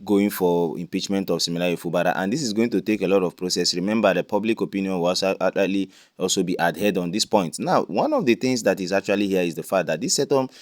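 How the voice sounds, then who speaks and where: A man's voice: sits low, quick pace, few pauses, a little mellow, no room sound, clean studio sound. A man hosting online news commentary, explaining events and posing questions to viewers.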